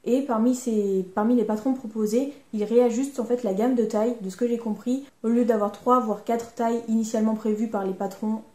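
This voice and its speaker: A woman's voice: a little high, fairly even intonation, brisk, few pauses, mellow. A woman with a French accent, telling a sewing vlog story in a chatty, self-mocking way. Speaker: sewing vlogger. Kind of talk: casual vlog narration. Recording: echoey room.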